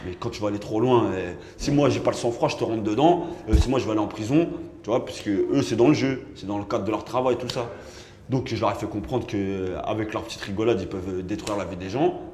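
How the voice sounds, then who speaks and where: A man, a rapper, casually telling a personal story in an animated, slangy way, acting out bits of dialogue as he goes. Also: fairly low pitch, fairly quick, slight background noise. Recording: echoey room with faint ambience.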